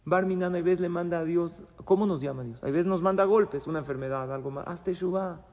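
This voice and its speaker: A man's voice: on the high side, fairly quick, a little mellow. A man, a rabbi giving a religious class and telling stories dramatically, with Hebrew terms mixed in. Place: synagogue hall. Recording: long hall reverb.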